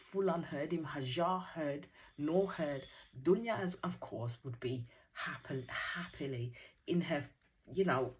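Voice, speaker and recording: A woman with a deep, low voice talks through a reality episode. Her delivery is casual, opinionated and full of slang and sarcastic asides. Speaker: reality TV reaction host. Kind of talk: casual recap commentary.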